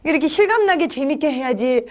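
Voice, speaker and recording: High-voiced woman explaining to teachers. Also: lively intonation. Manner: brisk, explanatory, chatty. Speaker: instructor. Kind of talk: lecture for teachers.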